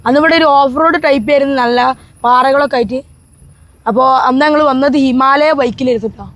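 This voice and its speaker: Female travel vlogger, high voice, Kerala Malayali accent, Malayalam-English mix, casual and enthusiastic chat to camera. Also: fast. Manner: Malayalam mixed with English words; repeats enthusiastic filler phrases, addressing viewers. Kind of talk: casual vlog chat to viewers.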